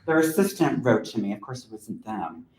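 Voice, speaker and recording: A male poet speaks to an audience in a lecture room, reading poems aloud and chatting candidly and bluntly with asides. His medium-pitched, slightly mellow voice has lively intonation at a moderate pace, with roomy lecture-hall echo.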